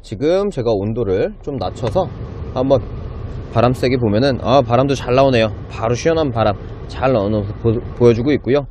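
A man's voice: mid-range voice, expressive, brisk, a little mellow, a little hiss or hum. A man in his thirties presenting a car as a used car dealer, with polite, enthusiastic salesman patter in a casual walkaround style. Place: inside a car and in an underground car park.

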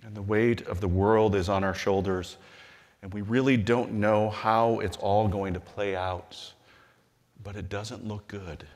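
Earnest bishop preaching in a reverberant hall. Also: male voice, on the low side, steady tone. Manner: measured and earnest, slowing and softening on scripture. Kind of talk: sermon-style convention address. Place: large hall, at a lectern on a stage.

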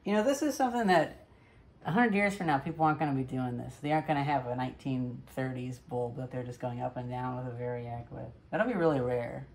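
Talking fast in a very deep, darkish voice, a young adult woman casually muses aloud while demonstrating old light bulbs for her hobby vlog. She's indoors in her living room, and the home camera recording has clear background noise.

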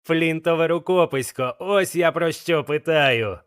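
A man voicing a furious blind old male pirate who shouts curses at his gang in a slow, emphatic way. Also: a little high, smooth, pitched above the performer's own voice, lightly acted.

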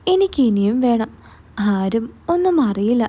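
A woman's voice: fairly high pitch, big pitch swings, a little slow, warm tone, breathy edge, heavily acted. Woman reading as a pushy, smug man. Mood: pressuring. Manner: insistent, pressuring. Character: pushy middle-aged man, coercive and smug.

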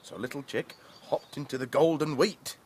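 A man's voice: a little high, darkish tone, slight background noise, natural voice. A man playing a grown-up storyteller figure in a children's show, reading a story aloud with gasps. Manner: slow, very sing-song storytelling with gasps.

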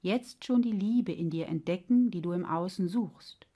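A woman voicing a wise, patient heart that explains things gently and sometimes grumbles. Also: fairly low pitch, moderate pace, natural voice.

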